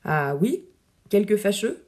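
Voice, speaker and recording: Woman doing sweet noble lady who scolds lightly, audiobook play, mellow voice. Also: mid-range voice, sing-song, takes it slowly. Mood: fond. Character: noblewoman, affectionate, chiding, devoted widow. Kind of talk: audiobook reading of verse drama.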